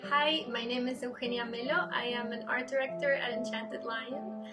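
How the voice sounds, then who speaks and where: Art director from Argentina, reflective, high even voice, music underneath. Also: female voice, moderate pace, recorded from a distance, low-quality recording. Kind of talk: prepared personal statement.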